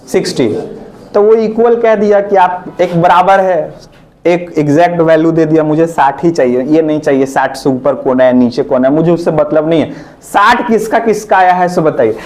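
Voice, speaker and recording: A man's voice: a little high, a little mellow. A man teaching a live computer class, chatty and teasing, often asking his students questions back.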